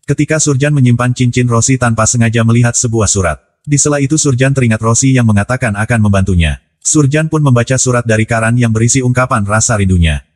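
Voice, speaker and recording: A man with an Indonesian accent reads a scripted movie recap at a rapid clip. His voice sits in an ordinary middle register, and his storytelling delivery stays brisk and even as he moves from one scene to the next. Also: mid-range voice. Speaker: film recap narrator. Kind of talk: scripted film recap narration.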